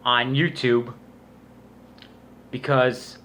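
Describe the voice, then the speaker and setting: Guy doing a rambly youtube rant, medium pitch, swears a lot, kinda scornful and crude. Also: flat delivery, drawn-out words, fairly bright tone. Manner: crude, profanity-laden, scornful. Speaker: YouTube vlogger. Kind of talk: casual rambling commentary rant.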